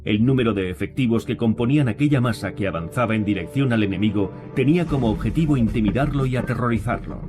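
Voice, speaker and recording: A man's voice: medium pitch, quick pace, few pauses. A man reading scripted narration for a history documentary. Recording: music behind the voice.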